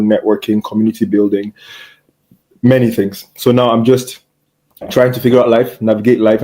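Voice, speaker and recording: Speaking in a fairly low, mellow voice, a young Cameroonian man who works as a medical doctor reflects sincerely on his story as a guest in a casual interview chat.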